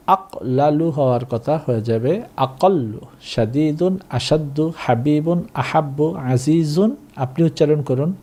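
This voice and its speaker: A man teaching Arabic in a recorded lesson, slowly drilling and repeating words for learners to copy. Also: medium pitch, dark tone. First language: Bengali.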